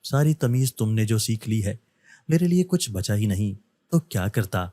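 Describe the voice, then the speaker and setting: A man's voice: fairly low pitch, lively intonation, warm tone, natural voice. A male narrator reading the lines of a mischievous young student, with a teasing, mocking manner.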